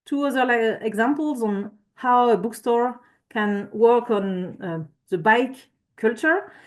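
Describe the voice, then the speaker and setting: A woman presents at a conference, walking through slides in a hesitant way, full of fillers and corrections of her own words. Her voice sits a little higher than most women's. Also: slow, darkish tone.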